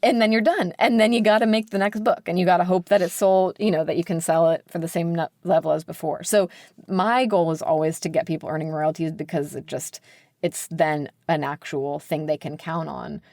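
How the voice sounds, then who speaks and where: This lowish, darkish female voice holds a steady tone and moves a little fast, recorded dry in studio quality. The speaker is an American editor guesting on a podcast, talking emphatically and frankly with frequent "like"s.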